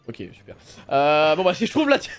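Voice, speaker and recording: A woman streaming a game live, chatting casually and excitably with her audience and her co-player, often breaking into laughter. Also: sits low, a little fast, faint music behind. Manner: excitable, bursts of laughter, teasing. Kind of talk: casual live-stream chat while gaming.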